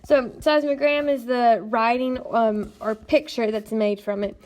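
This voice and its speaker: A woman's voice: a little high, steady tone, measured pace, a little mellow. Patient woman teacher explaining a lesson. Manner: patient, explanatory, frequent "um" fillers. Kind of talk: recorded classroom lesson narration. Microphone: tablet screencast mic.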